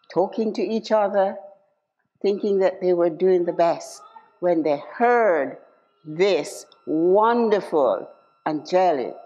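A woman preaching a sermon at a church service, slow and emphatic, repeating key phrases and putting direct questions to her listeners. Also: fairly low pitch, a little mellow. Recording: dull lo-fi live church recording.

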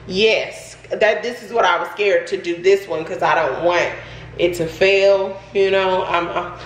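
Brief: excitable, nervous woman narrating a kitchen demo, phone mic, roomy echo, faint hiss. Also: fairly low pitch, unhurried. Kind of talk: casual home how-to chat. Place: home kitchen. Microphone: handheld phone camera. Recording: echoey kitchen, faint noise.

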